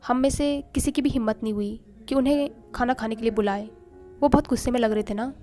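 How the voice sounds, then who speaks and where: A woman's voice: fairly high pitch, fairly quick, mellow, faint music behind, lightly acted. Nervous deferential butler, read by a woman. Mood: nervous, respectful. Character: nervous respectful household butler, man.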